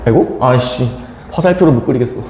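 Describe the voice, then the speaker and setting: A man's voice: medium pitch, fast talker, slight background noise. A young man teaching Korean literature in a classroom, telling a slangy personal story and acting out the voices of the people in it. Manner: animated, slangy, acts out quoted voices. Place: lecture classroom. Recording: echoey classroom with long reverb.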